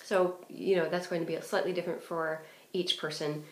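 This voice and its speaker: In this music lesson, a female clarinet teacher with a fairly low, steady voice speaks at a moderate pace. She explains phrasing and fingerings in practical terms, with frequent fillers, and the space sounds roomy and echoing.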